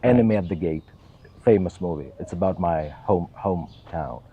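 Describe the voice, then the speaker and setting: Speaking English with a Russian accent, this middle-aged church assistant from Russia replies to an interviewer sincerely, choosing his self-taught words with care. His voice sits low with a breathy edge, at normal speed, and the audio is dull.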